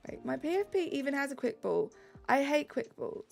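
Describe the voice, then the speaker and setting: A British streamer chats casually while gaming, reading out her viewers' messages with bubbly cheer over light background music. She talks a little fast, very animated, in a high-sitting voice with vocal fry and a slightly mellow quality.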